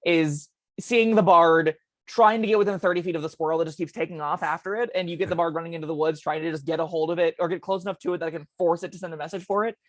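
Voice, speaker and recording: A woman's voice: fairly low pitch, fairly even intonation, no echo. Chatty woman, dry close sound. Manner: chatty, quick bursts with many ums. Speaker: co-host discussing tabletop spells. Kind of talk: casual podcast chat.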